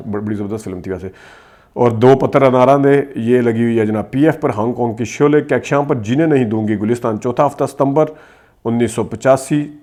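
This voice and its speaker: A man hosting a rapid film-history commentary, reeling off movie titles fast and adding quick asides. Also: mid-range voice, a little mellow. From Pakistan. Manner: reels off titles quickly, stressing names, with asides. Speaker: host.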